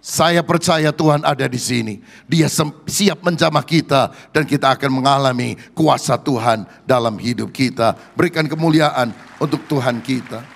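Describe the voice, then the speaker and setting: Gravelly-voiced preacher man in a reverberant hall. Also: fairly high pitch, fairly bright tone. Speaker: pastor. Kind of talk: sermon.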